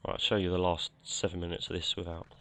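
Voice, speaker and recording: Croaky with a cold, this man's deep, flat voice rambles easily through casual commentary on his gameplay. He leans on lots of fillers like "uh," pausing and fixing his own sentences as he goes. The audio has the feel of a home headset recording.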